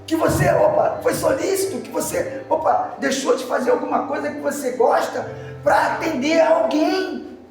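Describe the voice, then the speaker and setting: A man preaching in a church with a very high voice, telling his story with shouted emphasis and bursts of laughter. He is heard from a distance in a strongly echoing hall. Faint music plays behind him. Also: moderate pace. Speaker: deacon preacher. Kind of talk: sermon. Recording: echoey hall from far off with music.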